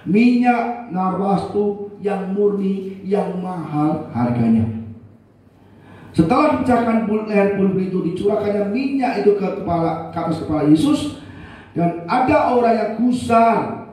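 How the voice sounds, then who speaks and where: A man's voice: high voice, darkish tone. A middle-aged man preaching a sermon, telling stories animatedly and acting out the quoted voices. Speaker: pastor. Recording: very echoey, from a distance.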